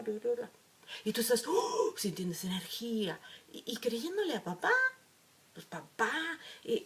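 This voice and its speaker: Woman telling a vivid story. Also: a little high. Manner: storytelling, animated with acted quotes. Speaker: emotional wellbeing speaker. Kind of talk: reflective talk to camera.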